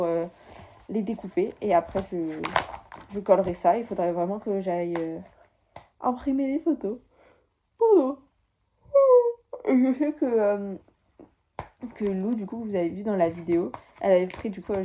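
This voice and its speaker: Talking to the camera from her bedroom, a teenage girl rambles casually and excitedly about her souvenirs. She has a lowish voice, and the sound is lo-fi.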